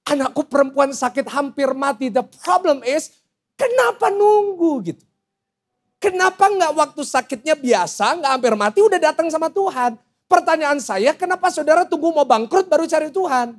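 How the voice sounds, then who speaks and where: A man's voice: extremely high pitch, brisk. A middle-aged man with an Indonesian accent preaching a sermon as pastor, asking the congregation questions and joking between points. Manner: lively, asks the congregation questions and jokes. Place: church hall.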